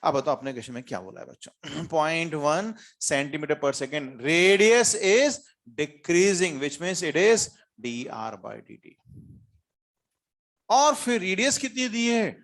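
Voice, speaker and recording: A man's voice: a little high, expressive, takes it slowly, fairly bright tone. A man teaching a physics class to students, questioning them often and mixing in English terms. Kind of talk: classroom lecture.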